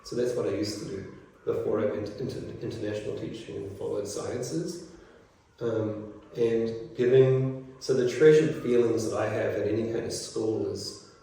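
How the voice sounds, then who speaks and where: A middle-aged man from New Zealand, a teacher, answering interview questions in a relaxed, rambling way with many fillers. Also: fairly low pitch, moderate pace, vocal fry. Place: school room. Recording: echoey room from far off.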